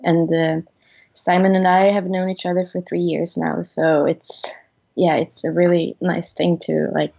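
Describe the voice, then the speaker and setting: A woman in her twenties from Sweden, a musician answering interview questions over the phone in a halting way, full of fillers and trailing off. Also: fairly low pitch, little pitch movement, vocal fry. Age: 20s. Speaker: musician guest. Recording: tinny phone line.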